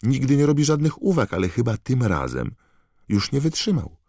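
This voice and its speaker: A man's voice: medium pitch, sing-song, normal speed, warm tone, no echo, studio quality, voice pushed up. A man voicing a clever, earnest teenage schoolgirl witch who explains things patiently and insistently.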